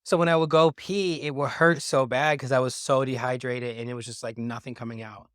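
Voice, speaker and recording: A man hosting a casual podcast chat, telling lively stories and backing up his guest with quick agreement. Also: medium pitch, no room sound, studio quality. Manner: animated storyteller, quick listener backchannels. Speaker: podcast host.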